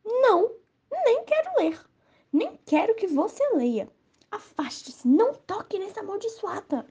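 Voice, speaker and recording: A wailing, miserly old man, played by a woman in a stage play, complaining and calling on a saint. The voice sits high and leaps all over. The tone is mellow and soft-edged. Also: very animated, measured pace, breathy edge, dull audio, full character voice. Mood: panicked.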